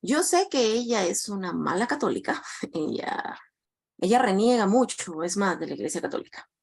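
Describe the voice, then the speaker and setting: A woman's voice: medium pitch, expressive, moderate pace, gravelly, a little mellow, husky. A woman student recounting a personal anecdote in class, hesitant, with many restarts and tag questions.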